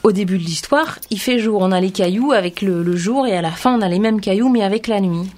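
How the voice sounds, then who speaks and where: A woman presenting children's books on a radio show, talking gently with many hesitations and reading a bedtime story aloud. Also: mid-range voice, a little fast, soft background music. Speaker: children's book reviewer on radio. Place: radio studio.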